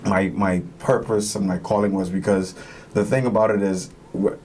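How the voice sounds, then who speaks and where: A man's voice: fairly low pitch, steady tone, a little mellow. Earnest man, faint room noise. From Bahamas. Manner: earnest, motivational, pauses to find words. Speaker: interview guest, music producer. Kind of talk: reflective interview talk.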